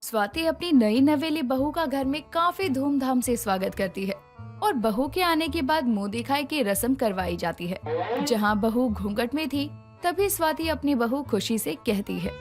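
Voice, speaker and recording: A woman narrating a moral story in a scripted, expressive way. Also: high voice, moderate pace. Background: background music.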